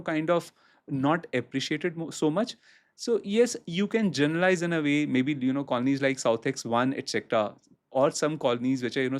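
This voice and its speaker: A man with an Indian accent answering as a real estate expert on a podcast, explaining haltingly and repeating phrases for emphasis. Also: on the high side.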